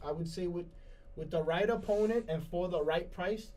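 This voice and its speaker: A man's voice: high voice, normal speed, mellow, a little hiss or hum. A man co-hosting a casual sports talk show, rambling, repeating his words and laughing often. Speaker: co-host. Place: studio.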